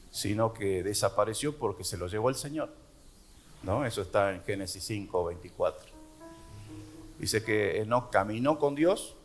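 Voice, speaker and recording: An Argentine pastor with a lowish voice and an Argentine Spanish accent preaches a sermon. He takes an unhurried pace, using fillers and repeating words.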